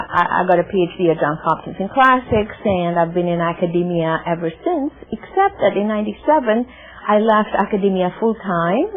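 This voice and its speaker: A middle-aged woman from Greece with a Greek accent, explaining classics earnestly as a guest in a TV studio interview, with many ums and uhs. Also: on the low side. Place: TV studio set. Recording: tinny phone-like old TV audio.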